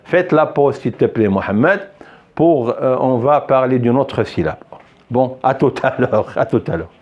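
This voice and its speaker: A man's voice: mid-range voice, lively intonation, unhurried, darkish tone, dull audio. A man teaching a French phonics lesson, patient and repetitive, often praising with "très bien". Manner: patient, repeats words many times, praises with "très bien".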